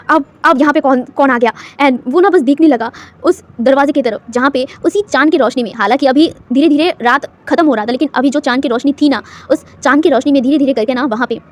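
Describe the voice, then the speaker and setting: Woman narrator for a fan fiction retelling, rapid and high, loose and chatty. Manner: fast, chatty, restarts, mixes English words. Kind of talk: storytelling narration.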